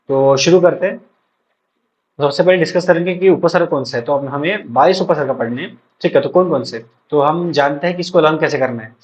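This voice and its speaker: Young male tutor drilling terms aloud. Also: fairly high pitch. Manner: repetitive, drills terms aloud for students to repeat; frequent check-ins to students. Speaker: ayurveda college lecturer. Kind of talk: exam-prep lesson. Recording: dull lo-fi recording.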